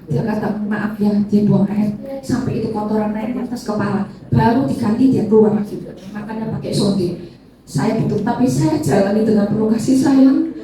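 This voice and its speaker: A woman's voice: moderate pace, a crowd in the background. A middle-aged woman giving an emotional testimony sermon, addressing her listeners directly. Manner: addresses listeners as "saudara", acts out tearful prayers in a high voice. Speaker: church testimony speaker. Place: church hall. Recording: echoey church hall, distant mic, faint ambience.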